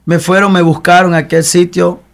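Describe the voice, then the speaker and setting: A man's voice: high-pitched, flat delivery, normal speed. A young man giving an emotional personal testimony with a repetitive, preacher-like cadence.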